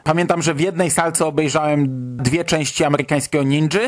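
A man's voice: a little high, steady tone, a little fast. A man in his late thirties from Poland, talking casually and conversationally as a solo podcast host. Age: late 30s. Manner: conversational, reminiscing.

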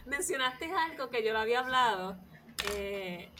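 A woman's voice: on the high side, expressive, moderate pace, noisy background. A woman hosting a casual faith podcast, talking reflectively and laughing easily. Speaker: podcast host.

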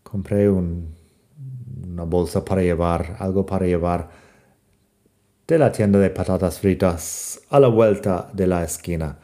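A man from the United States gives a podcast language lesson in Spanish, his second language. His voice sits low and dark, and he talks at an unhurried pace. He spells words out letter by letter as he goes. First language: English. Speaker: language teacher.

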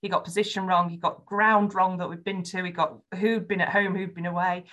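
A woman from Yorkshire, England, with a Yorkshire accent, talks frankly and earnestly as a guest in a conversational podcast interview, saying "um" often. Her voice is fairly low and a bit bright, with a level tone and a fairly quick pace.

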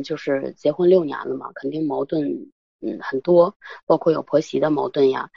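A woman's voice: extremely low pitch, vocal fry, darkish tone, breathy edge, dry recording, highs cut off. A woman in her thirties calling an advice show, talking hesitantly with many fillers. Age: 30s. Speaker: caller. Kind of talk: call-in advice talk.

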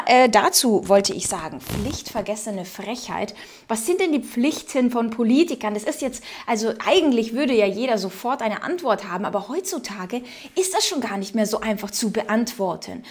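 A woman from Ukraine with a fairly high voice hosts casual political commentary. She reads out news quotes and answers them with strong opinions, directly addressing her viewers.

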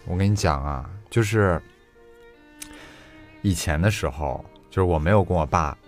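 A man co-hosting a podcast in casual chat, calmly adding short comments and nods of agreement. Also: deep voice, normal speed, faint music behind. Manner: calm, nods along with short interjections. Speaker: podcast co-host.

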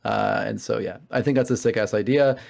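A man's voice: lowish voice, fairly quick, vocal fry, a little mellow. A man on a podcast panel, chatting casually in a rowdy, profane way and laughing often. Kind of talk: casual chat.

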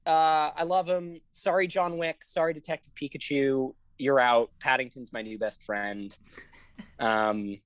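A woman's voice: a bass voice, fairly even intonation, unhurried, dry recording. A woman co-hosting a casual film podcast, gushing and swearing freely as she talks. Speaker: podcast co-host. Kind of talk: casual film review chat.

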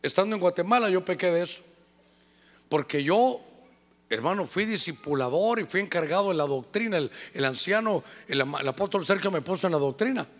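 A male pastor preaching a sermon, animated and calling his listeners brother. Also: high voice, fairly quick, in a large hall.

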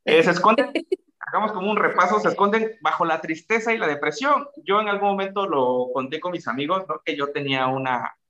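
Animated Mexican man with bright voice. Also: a little fast. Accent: Mexican Spanish. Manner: animated, acts out quoted speech with big pitch jumps. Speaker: guest speaker. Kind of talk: casual explanatory talk. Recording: dull lo-fi sound.

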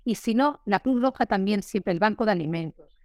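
Woman actress chatting in interview, animated storyteller, dry close mic. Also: mid-range voice, a little fast, no room sound. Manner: lively storyteller who acts out quoted voices. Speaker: guest, actress. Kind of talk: candid interview conversation.

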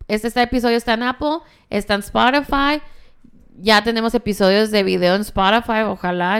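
A woman's voice: mid-range voice, smooth. A woman co-hosting a podcast in casual, bantering chat, slangy and switching between Spanish and English. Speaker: podcast co-host.

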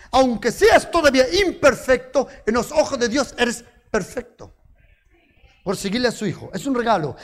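A man preaching a sermon, telling stories with rhetorical questions and touches of humor. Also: very high-pitched.

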